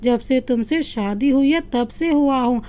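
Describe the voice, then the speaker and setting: A woman's voice: high voice, unhurried, a little mellow. A woman voicing a loving, playful young husband who teases his wife affectionately, in a storybook reading. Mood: teasing. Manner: teasing, affectionate.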